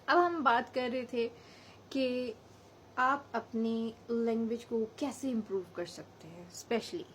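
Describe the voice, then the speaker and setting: A woman's voice: a little high, slight background noise, low-quality recording. A woman from Hazara in Pakistan with a local accent, giving a chatty spoken English lesson and mixing English phrases into her explanations. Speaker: English teacher.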